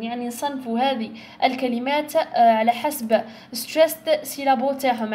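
A young English tutor with an Algerian Arabic accent and a high, darkish voice runs an exam-prep lesson. She explains the English exam step by step, slowly sounding out words to show where the stress falls.

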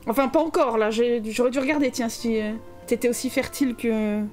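A woman's voice: fairly high pitch, a little fast, a little mellow, faint music behind. A young French woman commenting live on her game, chatting and joking with her viewers. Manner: chatty, joking, reads chat aloud. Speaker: streamer.

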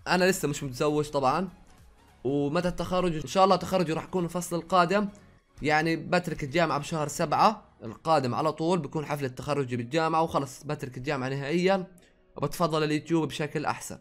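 Fast-talking young Jordanian man. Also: a little high, fairly bright tone, faint music behind. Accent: Jordanian Arabic with some Saudi words. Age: young adult. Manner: rapid, chatty, reads viewer questions aloud then answers. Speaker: YouTuber. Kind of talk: casual Q&A vlog answering viewers. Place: his own room at home.

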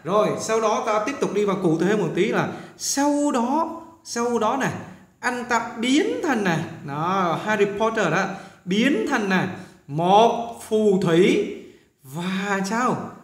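A Vietnamese man teaching English pronunciation, repeating words slowly and coaxing his students along. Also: high voice, sing-song, fairly bright tone, reverberant. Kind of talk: pronunciation lesson.

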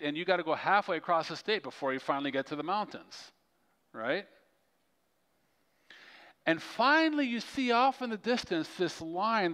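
A male pastor preaching a sermon with animated storytelling. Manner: storytelling, animated swings in pitch and loudness. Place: large church hall. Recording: long church hall reverb.

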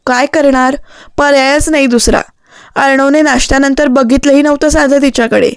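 A woman reads a romance story aloud in a calm, steady storytelling manner. Her voice sits high, and the recording is dry and close with no room sound. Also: moderate pace, no echo. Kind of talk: audiobook narration.

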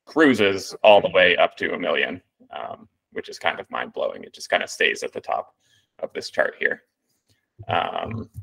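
A man's voice: deep voice, pushed and bright, low-quality recording. A man presenting a machine learning paper to a reading group, in a casual walkthrough with many ums and restarts.

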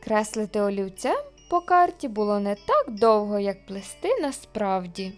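A woman reading a children's audio storybook aloud in a lively, expressive way. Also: mid-range voice, normal speed, faint music behind.

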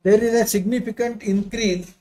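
Speaking at a moderate pace with a steady, dark tone, the high-voiced older man is a visiting pharmacy professor and associate dean presenting slides by video call. His English sounds non-native, and he stays courteous while wandering into informal asides.

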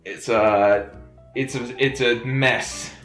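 A man reviewing a movie in casual, joking chat, talking quickly and bluntly. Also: medium pitch, fairly even intonation, a bit bright. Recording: roomy echo, faint music.

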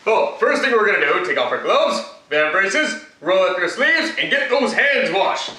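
A man's voice: high-pitched, big pitch swings, moderate pace, pushed and bright, exaggerated voice. A young man playing Batman as a boastful cooking show host, rambling with fillers in a home kitchen, picked up by a far camera. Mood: cocky. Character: Batman, grown male hero, cocky and boastful. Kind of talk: comic cooking demonstration. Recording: echoey kitchen, mic far off.

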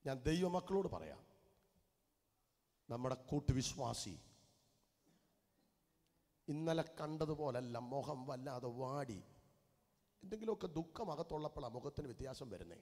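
A male pastor with a Keralite Malayalam accent, preaching a sermon. He swings from soft murmurs to loud, fervent preaching and repeats phrases with rising intensity. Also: mid-range voice, sing-song, a little slow, pauses often. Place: church hall. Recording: reverberant church hall.

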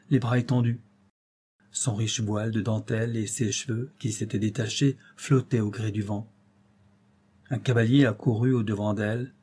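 A man narrating a classic tale as an audiobook in a measured, expressive storytelling manner. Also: medium pitch, breathy edge.

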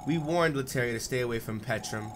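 A man's voice: medium pitch, fast talker, noisy background, pitched below the performer's own voice, lightly acted. A man reading the lines of a cool, scheming female guild leader in a plain, dismissive tone. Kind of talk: reading game dialogue aloud.

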